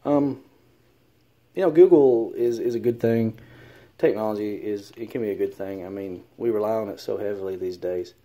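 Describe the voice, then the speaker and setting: Dark-voiced Southern man, hesitant talk. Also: lowish voice, normal speed. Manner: hesitant, full of ums and uhs, earnest. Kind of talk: casual talk to camera.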